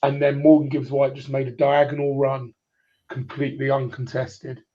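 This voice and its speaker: A man in his forties rambles about football over a clipped phone line, restarting his points again and again. His mid-range voice has little pitch movement and a moderate pace.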